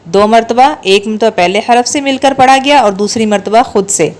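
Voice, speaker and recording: A woman's voice: on the high side, darkish tone. A woman teaching a step-by-step recitation lesson, patiently drilling single syllables.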